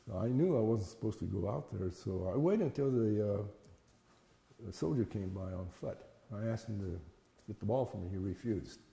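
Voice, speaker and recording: An elderly man in his 70s or older recounts childhood memories for an oral history, telling them plainly and conversationally with occasional halts. His lowish voice is very soft-edged, dark and gravelly with a creak, expressive at a moderate pace, and a long reverb fills the echoey room.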